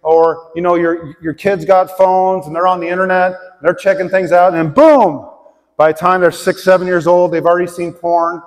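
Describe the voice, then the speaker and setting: A man's voice: high-pitched, fairly even intonation, moderate pace. A middle-aged man preaching a conversational sermon to a congregation in a large church auditorium, asking them direct questions. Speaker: pastor. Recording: long hall reverb.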